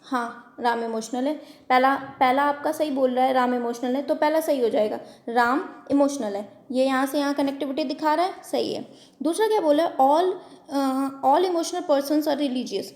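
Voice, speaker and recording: A woman coaching-class teacher explaining exam questions at a whiteboard. She reads English statements out slowly and then explains them in Hindi. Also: high-pitched, darkish tone. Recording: echoey room.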